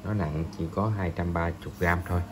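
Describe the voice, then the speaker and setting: A man reviewing a fishing rod in a hesitant voice-over, pausing often and filling gaps. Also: sits low, noisy background. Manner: slow, hesitant, many pauses and fillers.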